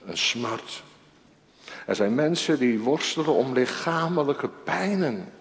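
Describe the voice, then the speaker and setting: A man preaching a sermon as pastor, slow and dramatic, now and then crying out loudly. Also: mid-range voice, animated. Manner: slow, dramatic preaching with sudden raised cries. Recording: long church reverb.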